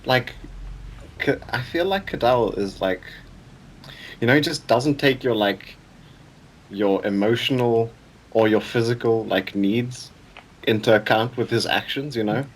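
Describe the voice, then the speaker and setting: A man's voice: mid-range voice, unhurried, pauses often, slight background noise, rough recording. Laid-back slangy young man. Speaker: podcast co-host. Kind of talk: casual chat.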